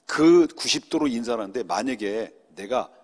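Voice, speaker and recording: A middle-aged male pastor preaching at a Friday prayer meeting, telling a personal story in an animated way. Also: mid-range voice, normal speed. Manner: animated storytelling, acts out quoted speech. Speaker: senior pastor. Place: church sanctuary. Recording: long reverb of a church hall.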